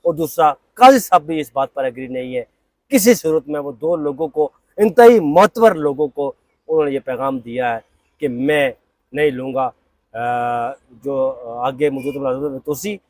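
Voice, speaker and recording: A man's voice: medium pitch, expressive, normal speed, no room sound. Insistent man arguing court news. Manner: emphatic, insistent, rises sharply when arguing. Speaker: court reporter guest. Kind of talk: political talk show discussion.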